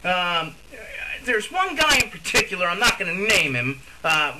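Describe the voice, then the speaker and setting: A man's voice: high-pitched, very animated, moderate pace, heavy background noise. A man giving a casual, rambling video review of puzzle cubes, swearing freely and getting easily worked up. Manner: rambling, profane, easily agitated, full of fillers and restarts.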